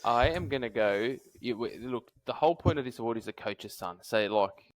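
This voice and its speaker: Blunt, sweary Australian bloke. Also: male voice, mid-range voice, expressive, moderate pace, low-quality recording. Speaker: podcast co-host. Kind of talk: casual sports banter.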